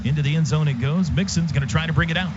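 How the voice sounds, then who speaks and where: Talking very fast in a slightly high voice, a man delivers radio play-by-play of a live football game in short, rhythmic bursts. He's in an outdoor stadium booth, and the muffled feed is swamped by loud stadium noise.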